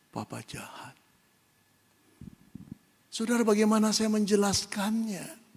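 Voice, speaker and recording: A pastor with a husky, gravelly voice preaches in a church, moving from storytelling to fervent appeal. His voice sits fairly high and rings out in a long hall reverb. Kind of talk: sermon.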